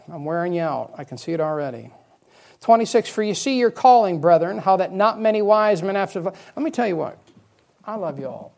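Gravelly preacher man. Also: sits high. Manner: emphatic, repeats key phrases, swings between loud declarations and quiet asides. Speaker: pastor. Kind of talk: sermon.

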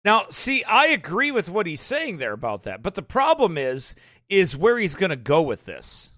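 A man preaching a sermon, talking in an emphatic, folksy way with quick asides to his congregation. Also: high-pitched, huge pitch swings, pushed and bright. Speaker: pastor. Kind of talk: sermon commentary.

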